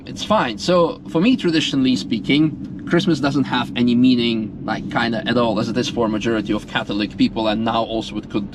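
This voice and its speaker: A man's voice: medium pitch, background noise. A man from Russia speaking earnestly in a casual, rambling monologue full of fillers and restarts. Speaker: vlogger.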